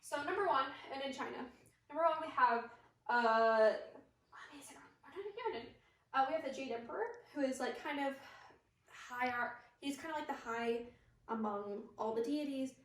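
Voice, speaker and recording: A young Midwestern woman talks through a class presentation in a slightly high voice, hesitant and chatty, dropping fillers and little jokes at her own expense. She sits some way back from the mic, and the room answers with a noticeable echo. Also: normal speed, a bit bright. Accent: Midwestern American. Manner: chatty and hesitant, many fillers and self-deprecating asides. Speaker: student presenter. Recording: echoey room, mic far off.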